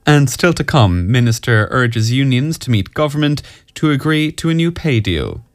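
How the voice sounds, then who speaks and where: A man's voice: medium pitch, expressive, moderate pace, no room sound. An Irish man reading a scripted radio bulletin as a newsreader. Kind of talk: scripted news, weather and sport bulletin.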